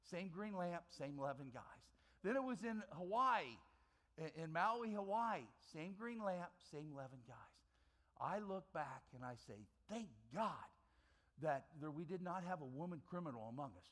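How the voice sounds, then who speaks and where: Man, chapel speaker, fairly high voice, dramatic testimony, repeats key phrases, loud bursts then hushed lines. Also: animated, normal speed. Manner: swings from loud bursts to quiet low lines. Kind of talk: personal testimony talk.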